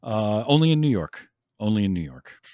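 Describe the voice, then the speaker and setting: A man's voice: lowish voice, sing-song, moderate pace, warm tone, dry recording, clean studio sound. A man hosting a podcast, chatting casually and enthusiastically about a film with many ums. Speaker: podcast host.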